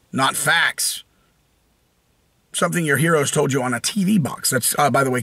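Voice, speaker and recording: A man's voice: fairly high pitch, pushed and bright, no room sound. An American man hosting his channel, ranting casually in a rambling, sarcastic way with lots of restarts and fillers. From United States. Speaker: channel host. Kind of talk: casual opinion rant.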